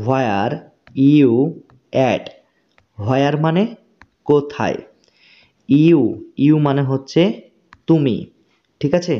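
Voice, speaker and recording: Slow, patient male teacher. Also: medium pitch, lo-fi sound. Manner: slow, patient, repeats words and checks understanding. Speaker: English teacher. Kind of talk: spoken English lesson.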